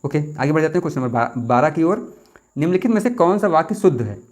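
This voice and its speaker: A young man coaching exam students, thinking aloud, rereading sentences slowly and correcting himself as he goes. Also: a little high, lively intonation, darkish tone.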